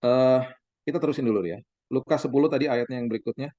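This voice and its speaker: A man in his forties, a pastor, preaching a sermon as lively stories, acting out the dialogue for the congregation. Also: medium pitch, quick pace, no room sound. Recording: dull, dry sound.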